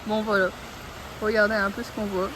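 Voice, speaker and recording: A woman's voice: mid-range voice, level tone, a little fast, noisy background. A young woman chatting casually and teasingly in a travel vlog, giggling often. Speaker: vlogger.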